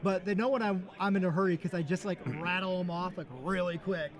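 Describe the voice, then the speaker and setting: A man with a high, light voice chats on a livestream after a few drinks. He rambles loosely and pokes fun at himself between stories. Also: steady tone, brisk. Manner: rambling, laughing, self-deprecating. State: tipsy. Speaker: livestream co-host. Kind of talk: casual chat.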